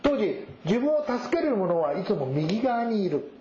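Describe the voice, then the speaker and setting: A male pastor preaching a sermon, reading scripture verses and explaining them at a measured pace. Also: high-pitched, sing-song, warm tone, slight background noise. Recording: roomy echo, dull sound.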